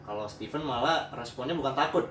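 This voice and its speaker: A man's voice: medium pitch, a little fast, a bit bright. A man with a Jakarta Indonesian accent hosting a casual group chat. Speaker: host. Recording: echoey room, distant mic, clear noise.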